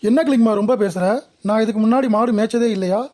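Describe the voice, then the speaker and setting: A feeble, lazy old village man, as a woman puts him on in a cartoon comedy. His voice is a little high, with a mellow, dark tone. He whines and complains. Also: racing, lightly acted. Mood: whiny.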